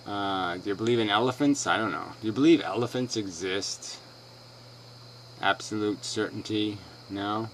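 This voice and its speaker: A man's voice: on the low side, a little fast, few pauses, a little hiss or hum, rough recording. A man ranting in a sarcastic, dismissive way as he answers another person's video. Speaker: video blogger responding to another video. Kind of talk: combative rant responding to a clip.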